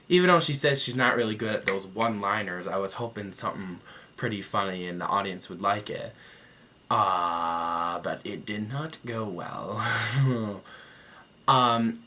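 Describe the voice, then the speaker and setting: Fairly low in pitch with a fairly bright tone, a young man reviews something to camera in vlog style. He's sassy, gossipy and full of profanity, mimicking others with mocking quoted voices.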